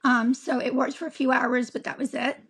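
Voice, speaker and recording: A woman of forty, an interview guest, telling her own story in a halting way with frequent ums and restarts. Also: high-pitched, flat delivery, fairly bright tone, husky, rough recording. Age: 40s. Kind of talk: candid personal account.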